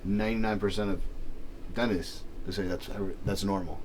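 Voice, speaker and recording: A man's voice: fairly low pitch, fairly even intonation, moderate pace, darkish tone, slight background noise. A male dentist explaining things in his office, emphatic and often checking in with "right?". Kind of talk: casual explanatory conversation. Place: dental office.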